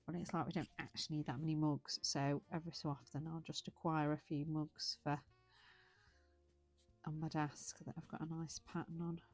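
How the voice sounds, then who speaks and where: A British woman with a low, husky-free everyday voice chats idly while she colours on a livestream. She drifts from thought to thought and corrects herself mid-sentence, sounding a little tired and yawning now and then. Soft music plays faintly behind her. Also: flat delivery, normal speed, dry recording. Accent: British English. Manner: rambling, chatty, self-correcting. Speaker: livestream host colouring and chatting. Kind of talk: casual chat while colouring.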